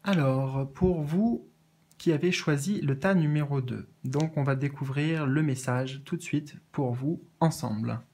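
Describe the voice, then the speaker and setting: A man doing a casual spiritual card reading, earnest and gentle, with many fillers and restarts. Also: fairly high pitch, a little slow, a little hiss or hum. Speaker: medium reading oracle cards.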